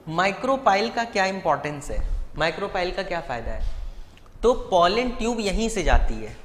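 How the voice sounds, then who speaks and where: Guy teaching an online class, fairly high voice, keeps asking the students questions, echoey room. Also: very animated, normal speed, a bit bright, a little hiss or hum. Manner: explains step by step with frequent rhetorical questions to students; addresses students directly and fondly. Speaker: biology teacher. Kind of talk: live online class lecture.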